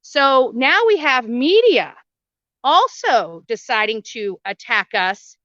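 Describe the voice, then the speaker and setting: Her voice is a little high, sing-song, pushed and bright, and she takes her time. Broadcasting live outside a house by the road, this independent reporter and show host addresses viewers with blunt, indignant emphasis and repeated phrases. The dull audio carries no room sound.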